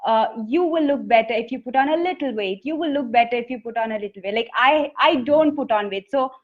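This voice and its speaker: In a conversational interview recorded with dull, lo-fi sound, a woman poet and author with an Indian English accent earnestly reflects on her own story. She talks fairly quickly, and her pitch sits fairly high.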